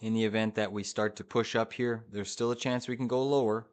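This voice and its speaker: A man's voice: on the low side, steady tone, fairly quick. A man hosting a live trading stream, giving urgent, hyped commentary to viewers in short repeated phrases. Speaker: live-streaming day trader, host.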